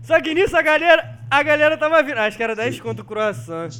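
A man's voice: extremely high pitch, fast. A man with a Rio de Janeiro accent, telling a story to friends in casual, slangy chat. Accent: Rio de Janeiro Portuguese. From Rio de Janeiro, Brazil. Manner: animated, slangy, laughs through his story. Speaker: podcast co-host.

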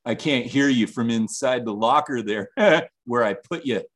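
Man playing slow, swaggering high school bully. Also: a bit bright. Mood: taunting. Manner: mocking, drawn-out, theatrical repetition. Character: taunting, self-important high school bully, big man on campus. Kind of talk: comedic radio-play acting.

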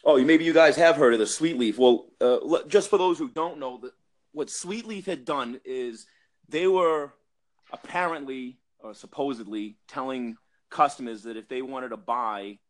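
A guest from the cannabis industry, a Massachusetts man with a Boston accent, speaks at medium pitch and normal speed. He tells an industry story in a casual podcast chat full of fillers and restarts.

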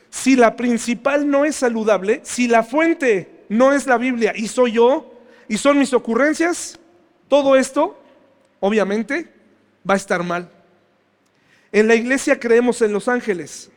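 A man's voice: extremely high pitch, measured pace. A male pastor giving a conversational sermon, often putting questions to his congregation. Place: church. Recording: long church reverb.

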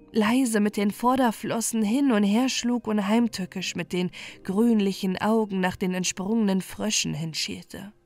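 A woman reading a fairy tale aloud in a calm, soothing bedtime manner. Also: mid-range voice. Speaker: storyteller.

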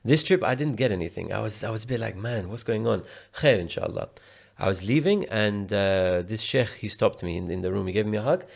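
A man's voice: lowish voice, expressive, brisk, gravelly, few pauses. A man from the UK, a podcast guest telling a personal story in a slangy, casual way, often restarting and repeating words.

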